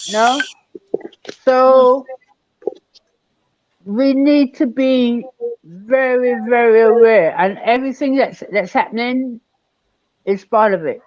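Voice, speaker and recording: An older man from Barbados, speaking as a guest elder in an online panel discussion, measured and emphatic, repeating key words. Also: very high voice, darkish tone, no echo, dull audio.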